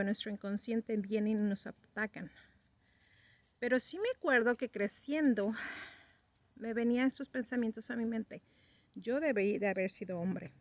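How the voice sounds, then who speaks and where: A woman in her fifties gives an earnest personal religious testimony, acting out the conversations she remembers as she recounts them. Her voice is on the high side, with no echo.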